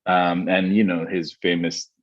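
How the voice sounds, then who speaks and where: A very deep-voiced man from Pakistan speaks as a historian in an academic conversation. He talks thoughtfully, often stopping with fillers and restarting his sentences. The sound is dry and dull. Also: level tone, a little slow, no echo. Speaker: historian guest.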